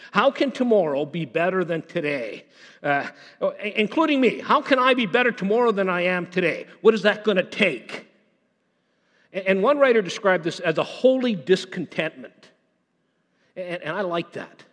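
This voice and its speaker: A high-voiced man preaches with lively, swinging intonation, often stumbling over and repeating his words. His voice rings out with a long reverb, as in a church sanctuary. He shifts between urgent emphasis and hushed, intense passages. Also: moderate pace. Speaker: pastor. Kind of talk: sermon.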